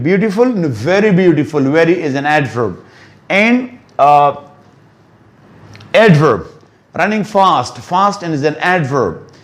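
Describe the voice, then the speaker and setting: A man teaching English grammar in a lecture, mixing Hindi-Urdu and English and drawing out example words as he explains. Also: on the high side. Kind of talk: classroom lecture.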